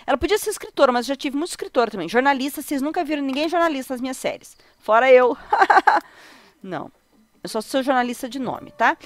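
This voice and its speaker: A woman's voice: on the high side, no echo. A young Brazilian woman with a cold, chatting casually as she plays a life sim game and talks to her characters and viewers. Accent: Brazilian Portuguese. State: has a cold. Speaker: gaming video host. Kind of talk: casual let's-play commentary.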